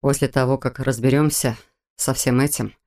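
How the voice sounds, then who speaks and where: A narrator voicing a tense, protective man, speaking low and earnest. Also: fairly even intonation, moderate pace, warm tone, lightly acted.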